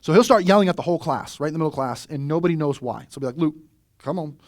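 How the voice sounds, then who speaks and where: Casual pastor guy preaching, chatty and lively, slightly high voice, dry close sound. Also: racing, no echo. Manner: conversational, animated storytelling with rhetorical "right?". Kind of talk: sermon.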